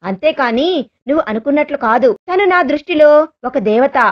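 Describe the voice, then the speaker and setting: A woman voicing a gentle, caring young man in a read-aloud story, speaking softly and reassuringly. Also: high voice, lively intonation, normal speed, dull audio. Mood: earnest. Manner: soft and reassuring.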